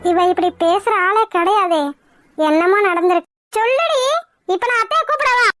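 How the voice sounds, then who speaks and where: A woman's voice: very high-pitched, animated, normal speed, fairly bright tone, no echo, studio quality, faint music behind. A woman voicing a caring but stern young woman in a cartoon, who coaxes and scolds. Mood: demanding. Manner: coaxing, then demanding and scolding. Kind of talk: cartoon voice acting.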